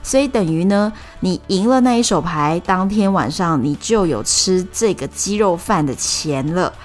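A woman's voice: on the low side, lively intonation, faint music behind. Chatty Taiwanese-accented woman podcast host. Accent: Taiwanese Mandarin. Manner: chatty and explanatory, drawn-out sentence particles. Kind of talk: storytelling travel podcast.

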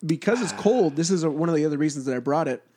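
A man's voice: fairly high pitch, animated, racing, mellow, breathy edge. A man with congested sinuses and a nasal sound, chatting casually as host of a beer podcast. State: congested from cat allergy. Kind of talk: casual chat.

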